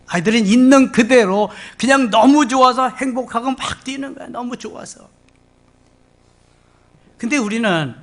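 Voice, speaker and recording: A man's voice: sits high, a bit bright. An older man preaching a sermon as pastor in a church, emphatic and exclamatory, with sudden outbursts. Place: church sanctuary.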